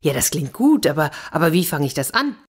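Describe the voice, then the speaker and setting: A naive, eager young man from a storybook, always delighted with his lot, as a woman reader puts him on. The voice is pitched up from her usual low register and sounds bright-eyed and earnest. He speaks with wide-eyed enthusiasm. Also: very animated, brisk, breathy edge, heavily acted. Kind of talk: children's fairy tale reading.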